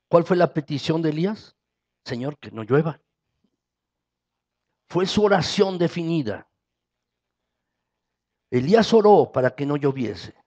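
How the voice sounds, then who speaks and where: A man's voice: a little high, darkish tone, dull audio. A man with a Mexican Spanish accent preaching a sermon as pastor, his voice rising for emphasis.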